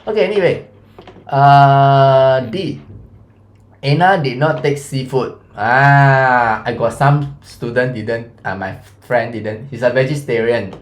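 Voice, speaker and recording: In an echoey room, a man in his thirties speaks slowly at medium pitch with a Malaysian English accent. He's a science teacher leading a chatty revision lesson, quizzing his students and using fillers like "lah" and "mah."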